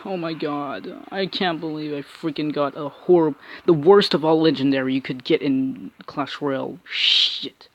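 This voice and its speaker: Male gamer, angry ranting play-by-play, slightly higher-pitched, frequent swearing and restarts. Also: fairly even intonation, a little slow, hardly any pauses, no room sound. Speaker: mobile game player. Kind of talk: angry gameplay commentary.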